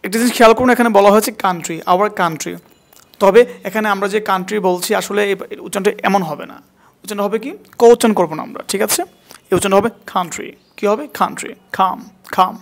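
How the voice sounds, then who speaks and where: A man's voice: high-pitched, brisk. A man teaching a spoken English class, repeating words again and again to drill pronunciation and quizzing his student.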